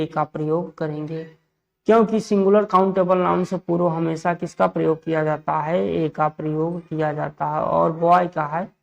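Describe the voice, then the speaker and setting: Indian man, grammar teacher for exam prep. Slightly high, gravelly voice. Asks and answers his own questions. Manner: reads example sentences slowly.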